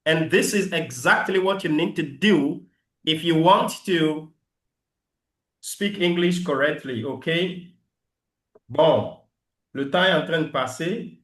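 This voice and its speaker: A man whose first language is French, teaching an English class and slowly repeating words for his students. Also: fairly high pitch, a bit bright. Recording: echoey room.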